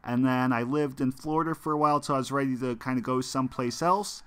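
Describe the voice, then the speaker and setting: Fast-talking and chatty, a young American man streams a mobile football game and rambles to viewers with plenty of fillers and restarts. His mid-range voice is smooth with a fairly bright tone.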